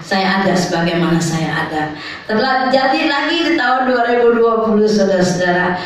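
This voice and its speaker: With a mid-range voice and slight background noise, an older female pastor recounts a testimony in her sermon and repeatedly addresses the congregation. She's recorded from a distant mic in a very echoey hall.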